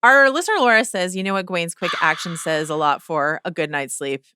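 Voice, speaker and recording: A woman co-hosting a podcast, chatting casually about a TV episode and reading out listener emails with animated disbelief. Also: lowish voice, brisk, background noise. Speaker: podcast co-host. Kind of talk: casual TV recap chat.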